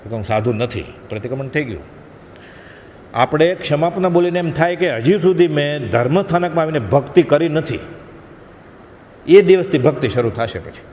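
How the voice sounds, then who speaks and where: A man delivers a devotional discourse in a slightly high voice, earnest and admonishing. His words ring out with a long reverb in a large hall, over a faint ambient hum. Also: lively intonation, normal speed, pauses often, darkish tone. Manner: earnest, admonishing, acts out short quoted prayers. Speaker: spiritual lecturer. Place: satsang hall.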